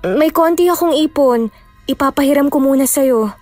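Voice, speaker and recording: A woman playing a caring young woman who calmly reassures her friend in a horror audio drama. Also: high voice, moderate pace, faint music behind, lightly acted. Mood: reassuring. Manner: reassuring and sensible.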